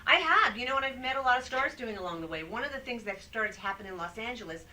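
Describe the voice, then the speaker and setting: A woman voice-over artist chats as a guest, telling stories with animation and acting out each quote. Her tone is bright and forward. She sits a little away from the mic, with a faint hiss under the live stream. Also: a little high, quick pace, distant mic, rough recording. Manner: animated storyteller, acts out quotes. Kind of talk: casual interview chat.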